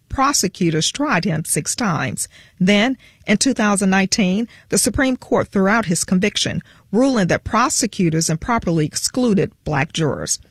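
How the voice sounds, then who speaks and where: A woman's voice: fairly low pitch, breathy edge, no room sound. A woman delivering a scripted radio news report as a reporter, close to the microphone.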